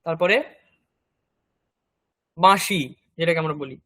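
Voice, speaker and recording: A man with a Bengali accent teaching a Sanskrit lesson, patiently spelling each word letter by letter and repeating it slowly. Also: a little high, fairly bright tone, no room sound. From India. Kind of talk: classroom language lesson.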